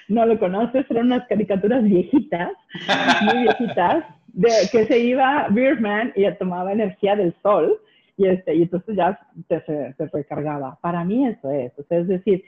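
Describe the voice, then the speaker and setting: A middle-aged woman from Monterrey with a northern Mexican accent, telling animated stories in casual conversation and laughing often. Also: medium pitch, moderate pace. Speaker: guest. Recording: tinny phone-like line.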